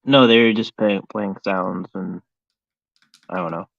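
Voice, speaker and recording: A man's voice: deep voice, fairly even intonation, a little slow, gravelly, dry recording. An American man hosting a voice chat, talking in a laid-back, hesitant way. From United States. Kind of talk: casual chat. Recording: dull lo-fi sound.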